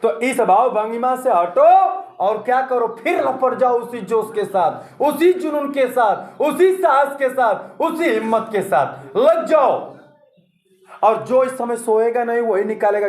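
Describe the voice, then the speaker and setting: A man's voice: high-pitched, darkish tone, reverberant. A male coaching teacher, giving a motivational exam-prep lesson and asking and answering his own questions.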